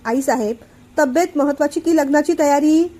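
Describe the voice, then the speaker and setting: A woman voicing a worried, protective grown son in a family storybook reading, speaking lower and softer than her narration. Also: moderate pace, lightly acted. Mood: annoyed.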